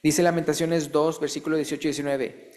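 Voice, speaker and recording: A man preaching a sermon in a church, explaining quietly, then reading scripture in a high, drawn-out, emphatic voice and often asking his listeners questions. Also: level tone.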